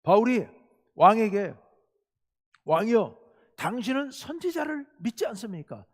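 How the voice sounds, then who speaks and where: A male pastor preaching a Wednesday sermon, animated and acting out quoted lines with sudden loud bursts. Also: fairly high pitch. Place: church sanctuary. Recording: church hall reverb.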